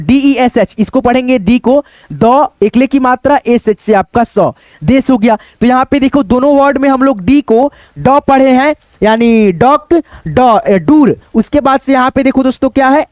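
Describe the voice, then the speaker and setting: Guy with a really high voice teaching english spelling, keeps saying friends, dry close sound. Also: animated, normal speed, a little mellow, dry recording. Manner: calls viewers friends often, repeats each word, asks and answers himself. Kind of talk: spelling and pronunciation lesson. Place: classroom-style video at a digital board.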